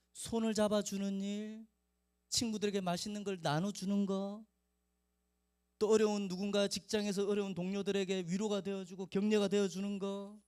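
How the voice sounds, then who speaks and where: A man's voice: high voice, darkish tone. A male pastor preaching a storytelling sermon in a conversational way, speaking directly to the children in his congregation by name.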